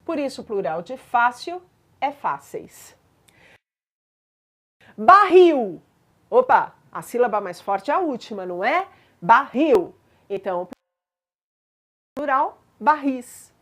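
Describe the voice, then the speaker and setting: A woman's voice: a little high, very animated, unhurried. A woman teaching grammar in a patient explanatory lesson, spelling out examples and checking in with listeners.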